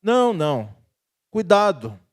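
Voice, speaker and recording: High-voiced Brazilian pastor preaching. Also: male voice, very animated, a little slow. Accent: Brazilian Portuguese. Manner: conversational preaching, tag questions, chuckles. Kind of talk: sermon. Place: church.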